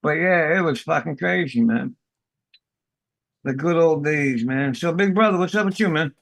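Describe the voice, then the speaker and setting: A man's voice: a little high, moderate pace, vocal fry, a bit bright, no echo. A middle-aged man from the Bronx, a podcast host swearing and laughing through casual stories. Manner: profane, laughing storyteller. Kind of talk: casual chat.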